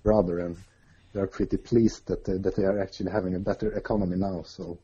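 A man's voice: low voice, flat delivery, fast, dark tone, a little hiss or hum. A man with a Swedish accent, a guest in a remote interview, talking hesitantly with many filler sounds. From Sweden. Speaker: guest, adventure racer. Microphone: video or internet call. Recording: muffled lo-fi call audio.

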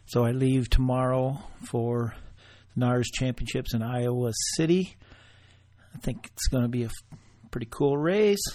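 A man hosting his own podcast alone, chatting in a loose, offhand way and thinking aloud with pauses. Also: medium pitch, warm tone. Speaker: podcast host. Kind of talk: casual solo podcast monologue.

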